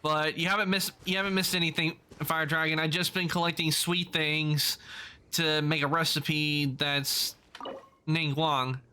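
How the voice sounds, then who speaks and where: A man's voice: on the high side, little pitch movement, a little slow, pushed and bright, a little hiss or hum. A male streamer casually commenting on a game with wry, joking asides.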